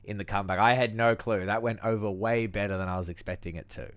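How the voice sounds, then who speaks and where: A man's voice: fairly low pitch, steady tone, fast talker, smooth. A man co-hosting a podcast with casual, jokey banter and slangy phrasing. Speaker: podcast co-host.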